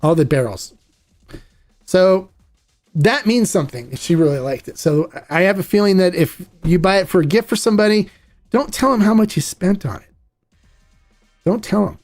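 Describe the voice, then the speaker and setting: A man's voice: high-pitched, lively intonation, normal speed, long pauses, a little mellow, soft background music. A man hosting a podcast, chatting in a rambling, enthusiastic and playful way. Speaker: podcast host. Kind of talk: casual chat.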